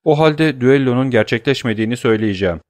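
A man's voice: mid-range voice, fast talker, darkish tone, dry recording, clean studio sound, close to an everyday voice. A man voicing a deferential male servant, speaking politely and hurriedly to his master. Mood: anxious.

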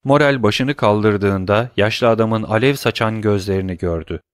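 A man reading a classic novel aloud as an audiobook narrator, measured and dramatic. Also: on the low side, dry recording, clean studio sound.

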